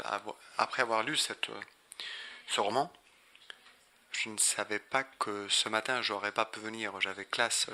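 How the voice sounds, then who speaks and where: Guy with spanish accent in french, lowish voice, really bright edge, halting, asking a question at a talk. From northern Spain. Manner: hesitant, halting delivery, searching for words in a foreign language. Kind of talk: spontaneous question in a discussion.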